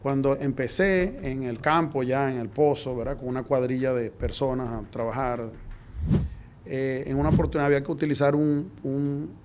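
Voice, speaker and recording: A middle-aged man from Venezuela, a guest in an interview, telling his story in a lively way and acting out the dialogue. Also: mid-range voice, normal speed, background noise. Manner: lively anecdotal, acts out quoted dialogue.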